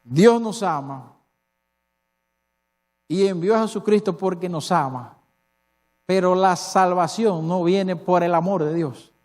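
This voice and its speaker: A man's voice: sits high, slow, pauses often, darkish tone. A male pastor with a Dominican accent preaching a sermon, emphatic and full of rhetorical questions to the congregation. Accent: Dominican Spanish. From Dominican Republic. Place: church hall. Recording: reverberant church hall.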